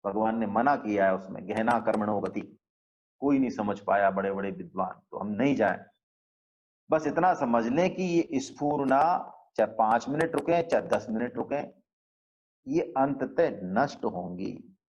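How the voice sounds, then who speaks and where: A man teaching a class on a spiritual scripture, explaining slowly and checking in with the listeners through rhetorical questions. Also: on the low side, expressive, darkish tone, muffled recording.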